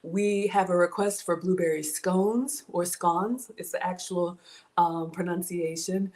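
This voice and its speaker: Speaking a little slowly in a fairly low, evenly intoned voice, this cooking livestream host chats warmly with viewers from her home kitchen. Born in Ghana and raised in the American South, she reads comments out loud, thanks her supporters, and uses "y'all."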